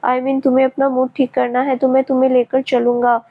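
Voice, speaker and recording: A woman voicing a teasing, protective young man in a storybook reading, her high voice flat and steady, on a tinny, phone-like recording. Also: a little fast.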